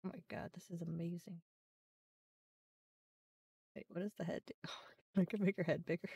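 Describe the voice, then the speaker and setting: A woman's voice: lowish voice, fairly even intonation, moderate pace, vocal fry, mellow, husky, no room sound, far from the mic. A young woman streaming a game, chatting casually and thinking aloud as she goes, with the odd swear word. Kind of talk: casual live-stream commentary.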